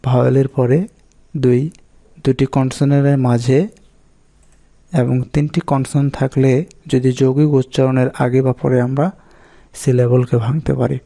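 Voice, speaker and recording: Bengali-speaking male teacher, methodical; gravelly voice, mellow tone. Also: mid-range voice, moderate pace, long pauses. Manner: steady, methodical, lists examples one by one. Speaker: English teacher. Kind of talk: explaining pronunciation rules.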